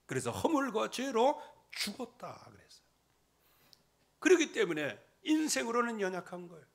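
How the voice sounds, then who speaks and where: High, animated male pastor preaching. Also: moderate pace, gravelly. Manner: lively preaching, swinging from loud emphasis to quiet asides, mimics hymn singing. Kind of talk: sermon. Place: church sanctuary.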